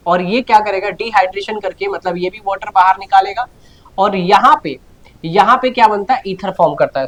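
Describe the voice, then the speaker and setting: A man giving a chemistry class in a steady explanatory lecture voice. He walks students through each step, repeats key words, and fills the gaps with questions he answers himself. He keeps urging them to listen carefully and write things down. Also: high-pitched. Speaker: chemistry teacher.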